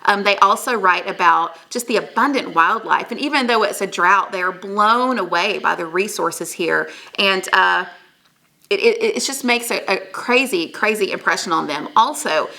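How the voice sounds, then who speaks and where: A woman telling a history story as a lesson in an animated, chatty way, full of asides. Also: mid-range voice, normal speed, creaky. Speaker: history teacher.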